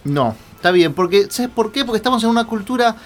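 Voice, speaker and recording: Man, radio columnist, playful mock-pompous banter, higher pitched. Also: animated, fast, soft background music. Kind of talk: casual banter.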